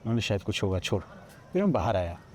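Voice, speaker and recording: With a lowish, mellow voice and a sing-song lilt, a man from Odisha, India, quickly narrates a personal ghost story rich in quoted dialogue. He's a podcast guest, recorded outdoors at a riverside ghat.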